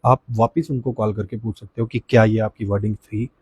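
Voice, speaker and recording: A man giving an emotional first-hand account as an interviewee, speaking haltingly with restarts and often saying sir. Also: fairly low pitch, fairly even intonation, darkish tone, breathy edge, no room sound. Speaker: relative of the deceased, interviewee.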